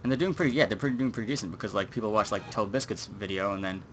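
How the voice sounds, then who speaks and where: A man's voice: fairly low pitch, racing, slight background noise. A young man hosting a gaming livestream in casual chat, rambling with many fillers. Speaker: stream host.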